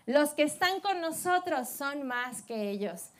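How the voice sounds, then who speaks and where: A woman voicing a calm, serene male prophet who speaks softly and reassuringly. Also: high voice, unhurried. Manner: soft quiet reassurance.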